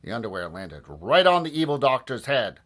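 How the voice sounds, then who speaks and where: A man reading a children's book aloud with expressive, lively storytelling. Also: mid-range voice, normal speed. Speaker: audiobook narrator.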